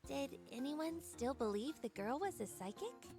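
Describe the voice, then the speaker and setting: Game VO: a cheerful young woman shopkeeper, high, lively and curious. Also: moderate pace, over music. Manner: curious, expressive reactions. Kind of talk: voiced game dialogue.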